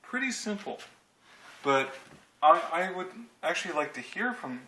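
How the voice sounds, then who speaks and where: A thirtysomething man jokes and rambles through a casual product review indoors in his home kitchen. His voice is on the high side, very animated yet unhurried. Captured on a handheld camera at short range, the audio echoes and carries clear noise and clicks.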